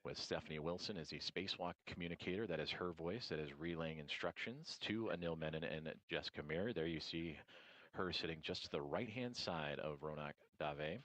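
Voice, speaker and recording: A man's voice: very deep voice, a little fast, a bit bright, no room sound, rough recording. A man giving live event commentary as a broadcast commentator from mission control.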